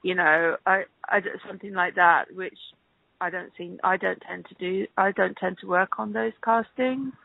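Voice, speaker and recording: Heard through a tinny, band-limited telephone call, this woman speaks in a steady mid-range voice with vocal fry at a moderate pace, in a dry recording. As an interview guest and casting director, she responds hesitantly and conversationally, thinking aloud.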